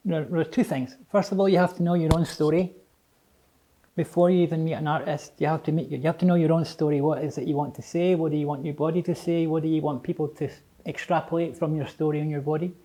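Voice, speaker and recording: A middle-aged man with a Scottish accent and slightly slurred, toothless articulation, speaking reflectively and haltingly in an interview, often repeating phrases. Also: a little high, fairly even intonation, mellow, low-quality recording. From Edinburgh, Scotland. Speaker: interviewee, English teacher.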